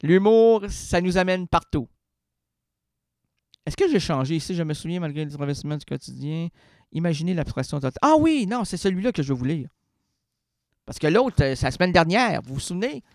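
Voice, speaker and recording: A man's voice: on the high side, animated, moderate pace, long pauses, a little mellow, no room sound, studio quality. A man hosting a radio show, reading poetry and rambling with jokes and word play. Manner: rambling, self-interrupting, jokey with sudden singing and word play. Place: radio studio.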